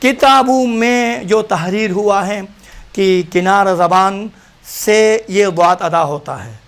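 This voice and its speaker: A man's voice: high voice, fairly bright tone. A man teaching Quran recitation in Pakistani-accented Urdu, sounding out letters again and again before he explains how to say them. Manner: demonstrates letters by repeating them, then explains. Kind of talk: practical pronunciation lesson.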